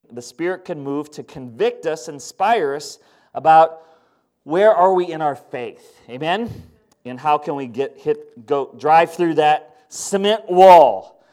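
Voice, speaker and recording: A man preaching as pastor, his voice sitting high for a man. He tells stories in an animated way, acting out what each person said. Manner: storytelling with acted-out quotes, animated. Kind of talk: sermon.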